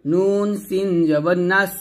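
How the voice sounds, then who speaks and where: A man with a Bangladeshi Bengali accent teaching recitation step by step, spelling out letters and then chanting each word slowly and drawn out, with quick explanations in between. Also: high-pitched, fairly even intonation, fairly bright tone.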